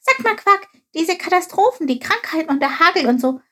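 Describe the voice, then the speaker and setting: A woman voicing an excitable, curious young male creature who keeps asking eager questions. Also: extremely high pitch, a little fast, voice pushed up, full character voice.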